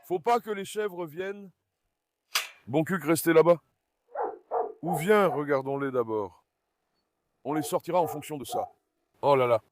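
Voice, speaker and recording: A man's voice: fairly high pitch, a little slow, pauses often, heavy background noise. A man vlogging from his farm in a casual, chatty way, coaxing his animals fondly. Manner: chatty, coaxing and fond when talking to animals. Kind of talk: casual vlog narration.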